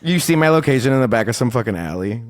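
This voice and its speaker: A man's voice: mid-range voice, lively intonation, fast talker. A man co-hosting a casual podcast, joking dramatically, swearing often and laughing a lot. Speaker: podcast co-host. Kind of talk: casual chat.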